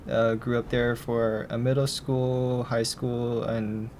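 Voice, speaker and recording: This is a young man in his twenties from Hawaii, a film student being interviewed. He talks in a flat, even tone and answers hesitantly, often stopping and restarting his sentences. A faint rumble sits behind his voice. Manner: halting and hesitant, full of restarts.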